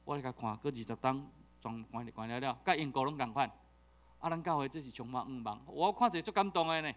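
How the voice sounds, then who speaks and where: A man's voice: mid-range voice, quick pace. A middle-aged man with a Taiwanese accent preaching a sermon, joking and telling stories with many repeated fillers. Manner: jokey, animated storytelling with repeated fillers. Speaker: pastor.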